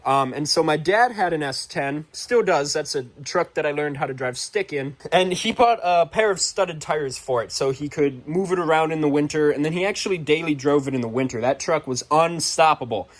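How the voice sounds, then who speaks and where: A young man in his garage, chatting casually about his car build with lots of fillers and a self-deprecating, excitable manner. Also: a little high, normal speed, few pauses. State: out of breath. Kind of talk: casual vlog narration.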